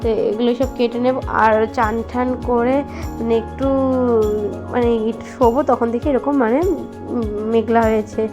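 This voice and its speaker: A young woman vlogger chats casually with viewers at home, moving between her kitchen and bedroom. Her slightly high voice stays level at a moderate pace with long pauses, and she talks softly so her baby won't wake, using lots of fillers and calling her viewers "guys." The recording is muffled, with music playing behind her.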